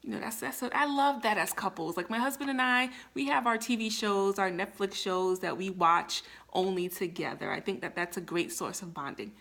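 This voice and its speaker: Gravelly-voiced woman giving chatty advice. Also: medium pitch, expressive, moderate pace, hardly any pauses, fairly bright tone. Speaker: vlogger. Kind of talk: casual talk to camera.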